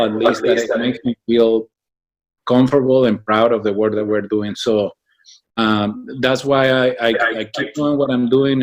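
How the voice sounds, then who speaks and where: Man, halting and thoughtful. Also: medium pitch, a little mellow. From Mexico. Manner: thoughtful, many fillers and restarts. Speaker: guest, founder of a business association. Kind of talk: interview answers.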